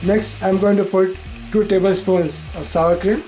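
An older man, host of a home cooking show, giving calm, plain step-by-step cooking instructions. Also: high voice, unhurried, background noise.

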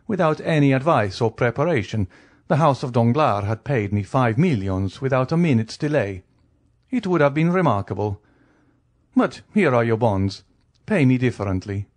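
A man's voice: medium pitch, darkish tone. Guy doing posh unruffled count in an audiobook, polite but ironic, very sure of himself. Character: urbane, coolly ironic, self-assured wealthy count. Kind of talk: audiobook character voice.

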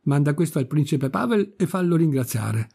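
A demanding, capricious old countess barks orders and complains in a raised, slightly husky voice, as a male reader puts her on. She sounds peevish and imperious throughout, her lines clipped and commanding. It is a reading of a classic story. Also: on the high side, lively intonation, moderate pace, warm tone, exaggerated voice. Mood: scolding.

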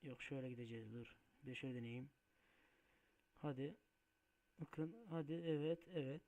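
Excitable man playing a truck game. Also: medium pitch, normal speed. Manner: excitable, swears and shouts at mishaps; muttering to himself while driving. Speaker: gaming video host. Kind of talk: Let's Play commentary.

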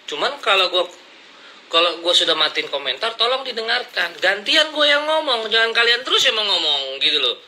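A man's voice: high-pitched, lively intonation, a little fast, sharp tone, slight background noise, poor audio. A man ranting at his critics in blunt, confrontational slang, lecturing them from his seat. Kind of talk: heated casual rant to camera. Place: seated indoors, smoking and drinking coffee.

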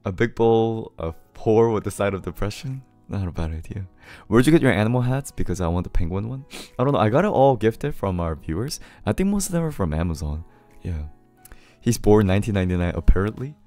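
Young guy from korea on a livestream, really low voice, hoarse, laid-back and reading chat with soft music behind. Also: sing-song, fairly quick. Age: 20s. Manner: laid-back, greets viewers one by one, laughs often. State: hoarse from singing too loud. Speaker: live streamer. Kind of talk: casual live stream chat, reading viewer messages aloud. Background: his favorite song playing softly.

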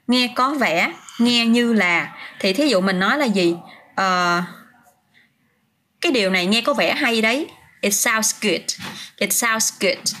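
A woman's voice: a little high, expressive, a little slow, sharp tone. A woman teaching English vocabulary on a casual livestream, chatting, answering viewers' comments by name and often restarting her sentences.

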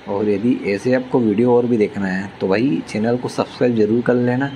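A man's voice: on the low side, dark tone, slight background noise. A young man chatting enthusiastically as a travel vlogger, talking to viewers while filming outdoors on a phone. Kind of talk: casual travel vlog narration.

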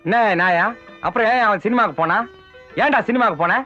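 A blustering middle-aged elder in a film comedy, scolding in exasperated bursts. His voice sits high. The film sound is dull, with faint music under it. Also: fast talker, pushed and bright. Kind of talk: Tamil film comedy acting.

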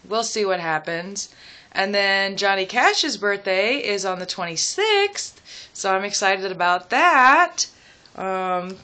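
A young adult woman chatting casually and personally to the camera at home, hesitant and reflective, pausing as she thinks aloud. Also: on the low side, sharp tone. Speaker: vlogger. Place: small room at home, seated indoors.

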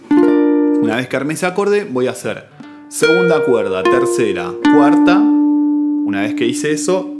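A man, a guitar teacher giving a calm, methodical step-by-step tutorial, counting out strings and frets. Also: medium pitch. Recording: guitar playing loudly between phrases.

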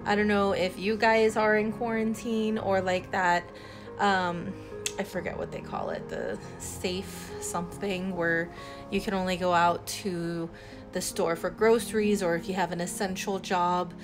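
Speaking unhurriedly in a fairly low voice over background music, a young cleaning vlogger from San Antonio, Texas chats through a casual voiceover at home. She rambles, with many fillers and restarts along the way.

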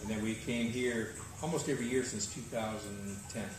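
Speaking in a lowish, steady voice at a moderate pace, an older man talks about arranging cruising services. The interview takes place outdoors on a tropical veranda, and his relaxed, matter-of-fact answers come through an echoey, far-off, noisy recording.

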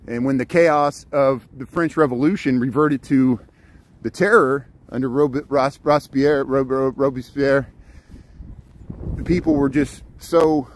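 A middle-aged Indiana man with a Midwestern American accent livestreams himself strolling through a city park, his voice a little high and darkish. He chats haltingly, rambling from one subject to the next, while traffic fills the noisy outdoor background.

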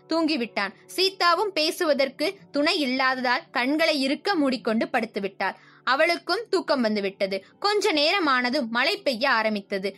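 A young woman narrating a children's story for an audiobook in a steady, clear storytelling manner. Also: high voice. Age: young adult.

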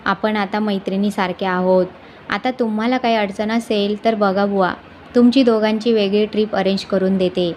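A woman voicing a caring young daughter-in-law in a storybook reading, talking warmly and persuasively. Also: medium pitch, fairly even intonation, normal speed, a little hiss or hum, natural voice.

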